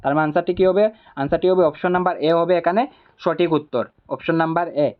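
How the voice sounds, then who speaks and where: A man tutor walking through exam answers, repeating each option deliberately. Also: a little high, steady tone, narrow, tinny audio.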